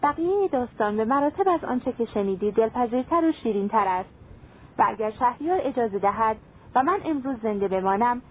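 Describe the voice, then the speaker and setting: A clever young storyteller speaks softly and persuasively, as a woman narrator puts her on. Her voice is fairly high. It sounds thin and tinny, like a phone line. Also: animated.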